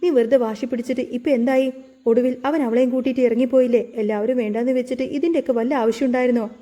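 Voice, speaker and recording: A woman's voice: fairly high pitch, fairly even intonation, fast talker, warm tone, lightly acted. A woman voicing an angry man who scolds his sister. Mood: scolding. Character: angry scolding older brother.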